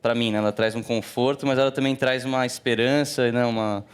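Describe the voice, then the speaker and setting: A Brazilian musician in his thirties, speaking with a Brazilian Portuguese accent, chats casually as a TV guest. His medium-pitched voice is clear and resonant and fairly quick, his delivery loose and relaxed, packed with fillers like "né" and "assim."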